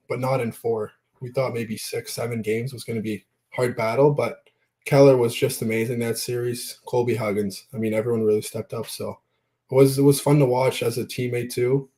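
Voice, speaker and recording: A young man born in Belgium answering interview questions in a relaxed, plain-spoken way with fillers. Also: mid-range voice. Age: young adult. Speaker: junior hockey player guest.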